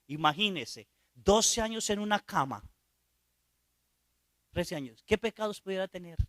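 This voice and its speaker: Bright-voiced priest telling a story. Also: male voice, sits high, expressive, unhurried, no room sound, studio quality. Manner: storytelling, asks the audience questions. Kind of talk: sermon.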